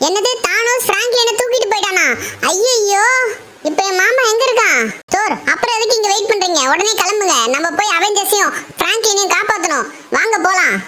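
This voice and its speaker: Shinchan, an adult voicing a cheeky squeaky boy. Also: quick pace, background noise, close to an everyday voice. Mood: alarmed. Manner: chatty, scolding and exclaiming. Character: cheeky little boy, mischievous and bold. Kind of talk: game role-play voice acting. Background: loud game music.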